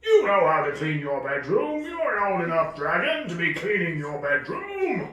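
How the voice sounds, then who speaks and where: In a homemade children's puppet show, a man plays a bossy, blustering, greedy dragon father scolding his son, using a high voice with wildly swooping pitch at a moderate pace. His delivery is exclamatory and scolding. A crowd can be heard behind him, and the distant mic picks up a very echoey room.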